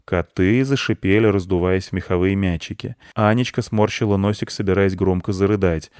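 A man calmly narrating a scripted children's story. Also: low voice, normal speed, no echo, studio quality. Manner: calm, even storytelling.

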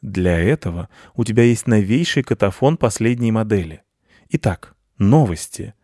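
A man's voice: fairly low pitch, animated, normal speed, dark tone, no echo, clean studio sound. A man voicing a lazy, self-important male house cat who lectures in a storybook reading. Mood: lecturing. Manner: pompous and lecturing.

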